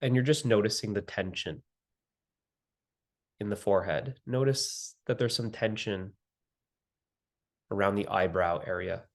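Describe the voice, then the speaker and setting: Guiding a meditation, a man with a fairly low voice talks very slowly. He uses short phrases separated by long pauses. He stays gentle and soothing throughout.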